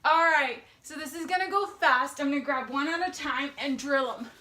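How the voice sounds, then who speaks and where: A woman's voice: sits high, moderate pace, sharp tone, roomy sound. A woman chatting casually to camera at home, bubbly and a bit out of breath, with lots of fillers. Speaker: YouTube vlogger. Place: home, indoors.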